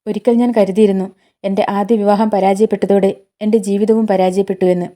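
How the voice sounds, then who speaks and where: A woman voicing a wounded, tender young mother who speaks softly and with emotion. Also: mid-range voice, flat delivery, quick pace, natural voice. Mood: reflective.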